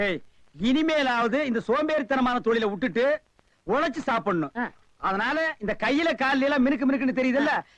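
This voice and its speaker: A cheeky comic beggar. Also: male voice, very high-pitched, lively intonation, a little fast, a bit bright, no echo. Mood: bantering. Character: cheeky street-smart comic beggar man. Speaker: comic actor in a film scene.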